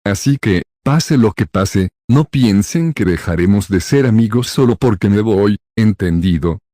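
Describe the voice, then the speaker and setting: A man's voice: fairly low pitch, expressive, dark tone, dry recording, studio quality. A man doing a teen wizard's fake pirate voice. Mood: mock-stern. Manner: slow, drawn-out mock pirate delivery. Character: teenage boy wizard faking a pirate accent.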